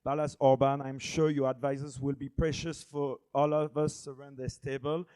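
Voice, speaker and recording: A man's voice: mid-range voice, level tone, normal speed, warm tone, poor audio. A man with a French accent moderating a conference panel, making formal introductions in English as a non-native speaker.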